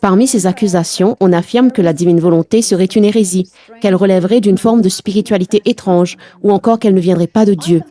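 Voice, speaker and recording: A woman hosting a panel conversation, speaking in a measured, earnest way. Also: mid-range voice, mellow. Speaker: host. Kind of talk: scripted introduction and moderating.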